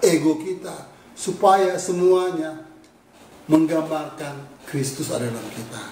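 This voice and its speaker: A man's voice: fairly high pitch, a little mellow. A man in his sixties with an Indonesian accent, preaching a sermon in an earnest, confessional way with self-deprecating laughs. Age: 60s. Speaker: pastor. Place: church hall. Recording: echoey hall, mic at a distance, faint noise.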